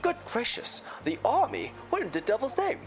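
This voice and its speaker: A man's voice: extremely high pitch, huge pitch swings, moderate pace, soft background music, pitched above the performer's own voice, full character voice. A man voicing a stern, pompous older English judge from a courtroom video game, formal and grave in manner. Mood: indignant. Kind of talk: voiced reading of game dialogue.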